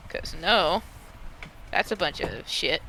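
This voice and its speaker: A woman with a distinctly creaky, bright voice talks casually as a guest on a stream call. She rambles informally and bluntly, with faint noise behind her. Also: fairly low pitch, animated, slow, rough recording. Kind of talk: casual chat.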